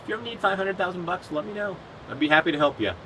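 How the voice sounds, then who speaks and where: A man voicing a wealthy, generous aunt or uncle who speaks in an obliging, measured way. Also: high-pitched, a bit bright, a little hiss or hum, voice pushed up, rough recording.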